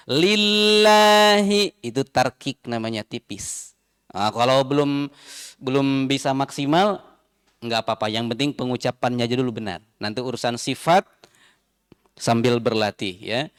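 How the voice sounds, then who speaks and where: A man's voice: mid-range voice, moderate pace, long pauses, clean tone, dry recording, studio quality. A man teaching Quran recitation in a mosque, patiently repeating and spelling out each sound. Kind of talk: tajwid lesson.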